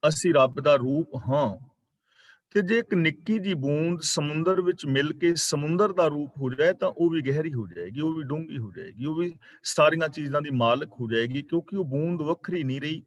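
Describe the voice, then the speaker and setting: A man teaching a religious class, with a voice set a little high for a man. He goes through the scripture word by word, explains meanings and pronunciation, and recites verses slowly. The recording is dry and close, with almost no room sound. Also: no room sound. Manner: slow, deliberate recitation of verses. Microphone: online class microphone.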